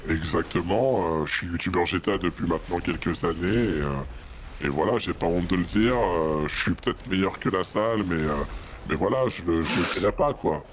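A man in a disguised deep voice, anonymous witness. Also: a little hiss or hum. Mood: hesitant. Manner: halting, full of hesitant fillers. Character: anonymous male witness hiding his identity. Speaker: mock interviewee. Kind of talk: joking mock TV interview.

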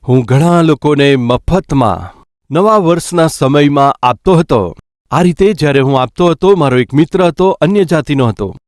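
Brief: male preacher, fairly high voice, direct questioning sermon delivery. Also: a little mellow, no echo, studio quality. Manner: addressing listeners directly with questions. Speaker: pastor.

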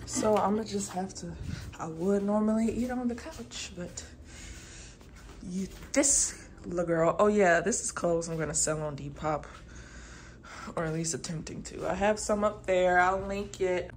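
A woman in her twenties talking casually to her phone camera in her bedroom. She is candid and slangy, and swings between hushed and loud. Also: on the low side, a little slow, slight background noise. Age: 20s. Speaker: vlogger. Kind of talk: casual vlog chat to camera. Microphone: phone mic.

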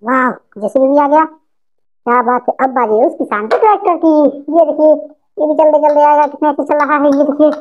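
High-voiced woman narrating toy play. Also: fairly quick. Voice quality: exclaiming, sing-song, cooing at toys. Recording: dull lo-fi sound.

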